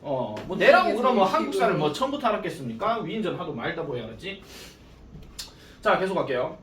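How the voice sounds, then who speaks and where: A man teaching an English grammar lesson at a cram school. He talks casually and jokes, and reads the English lines out slowly. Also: high-pitched, sing-song, fairly bright tone, slight background noise. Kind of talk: classroom grammar lecture. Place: classroom. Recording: echoey classroom from far off.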